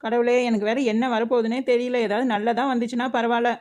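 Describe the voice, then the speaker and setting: A fretful, easily scared young boy doll, voiced by a woman, talks in a high voice. He frets and worries aloud through a toy doll story. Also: level tone, fast, a little mellow, natural voice. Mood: worried. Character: nervous young male doll, easily frightened.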